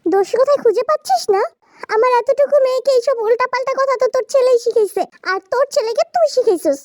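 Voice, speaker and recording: A woman's voice: very high voice, quick pace, no echo, studio quality, voice pushed up. A woman voicing an angry mother in a storybook drama, hurling accusations in a family quarrel. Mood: furious. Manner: loud, accusing.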